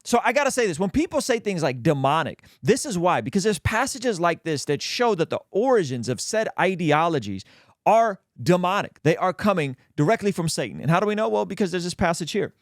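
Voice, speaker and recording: Animated man with a lively, swooping delivery. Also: high voice, fairly quick, no echo, clean studio sound. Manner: colloquial, emphatic, opinionated. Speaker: host of a reaction show. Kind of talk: casual video commentary with Bible reading.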